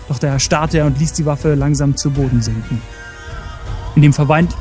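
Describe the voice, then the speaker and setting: A man reading a story aloud as co-host, steady with small slips and self-corrections. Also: on the high side.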